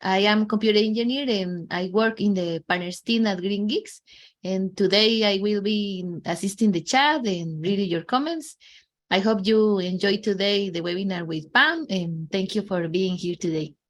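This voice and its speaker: A woman's voice: medium pitch, normal speed. Woman from Costa Rica. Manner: brief, polite self-introduction. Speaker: chat assistant, computer engineer.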